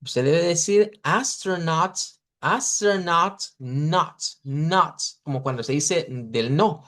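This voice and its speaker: A man teaching an English pronunciation class over a video call, patiently repeating model words slowly for his students. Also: a little high, lively intonation. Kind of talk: online class correcting students.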